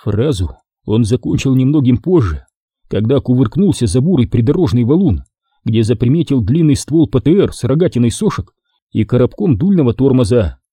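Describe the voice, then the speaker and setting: A man narrating a war story in a dramatic, expressive reading. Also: medium pitch, normal speed, slightly rough, no echo, studio quality. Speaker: audiobook narrator. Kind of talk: scripted narration.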